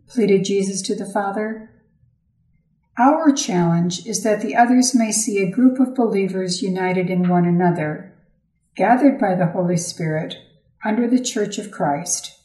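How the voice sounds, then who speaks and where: A woman reading a Gospel passage and its commentary aloud in a measured, solemn way. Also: mid-range voice, warm tone. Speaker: scripture reader. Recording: roomy echo.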